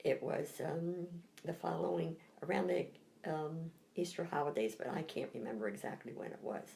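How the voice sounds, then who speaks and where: An older woman with a Philadelphia accent speaks slowly and haltingly, often close to tears. Her voice is low and gravelly, with a dark, mellow tone. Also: slight background noise. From United States. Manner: halting, reflective, emotional. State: tearful. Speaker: interviewee. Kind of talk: personal recollection interview.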